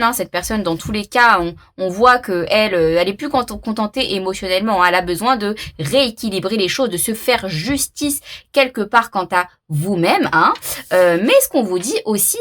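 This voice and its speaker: A woman's voice: mid-range voice, a bit bright. A woman giving a casual oracle card reading to her viewers, thinking aloud with many fillers and restarts. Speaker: tarot reader.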